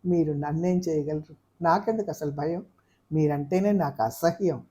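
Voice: medium pitch, moderate pace, mellow, breathy edge, close to an everyday voice. A reader voicing a scornful, angry young woman in an audiobook of a novel. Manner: scornful, accusing. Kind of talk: audiobook character voice.

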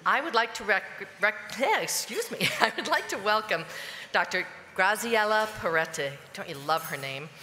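A woman's voice: medium pitch, lively intonation, moderate pace, bright, forceful tone. A woman hosting a dinner program, thanking sponsors and introducing the next speaker with little laughs. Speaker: event host. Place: large hall at a dinner. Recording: hall reverb, faint noise.

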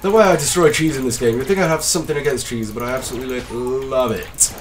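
Talking fast in a medium-pitched voice, a man with a slight cold offers casual, excitable, self-deprecating commentary on his gameplay as a let's play host. He's far from the mic, and there's slight background noise.

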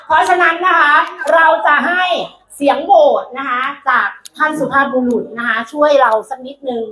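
A woman's voice: high-pitched, normal speed, bright, forceful tone. A woman coach hosting a live stage event, emceeing in a playful, teasing way that often breaks into laughter and calls out to the room. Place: large event hall with an audience. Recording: echoey hall with crowd noise.

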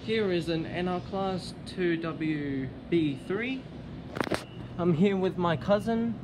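A man, filming on an outdoor station platform and calling out locomotive numbers as freight trains pass. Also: slow. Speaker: train vlogger. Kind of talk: casual commentary while trainspotting. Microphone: phone camera held on the platform. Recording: loud passing train noise. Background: loud rumble of passing freight trains.

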